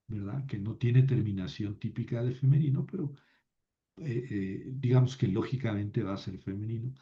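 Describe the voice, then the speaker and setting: Guy teaching a grammar class real slow, lots of eh and checking you got it, kinda muffled lo-fi sound. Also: medium pitch. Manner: slow and explanatory, with frequent "eh" and "¿verdad?". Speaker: Biblical Hebrew teacher. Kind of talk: recorded grammar lecture. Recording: dull lo-fi recording.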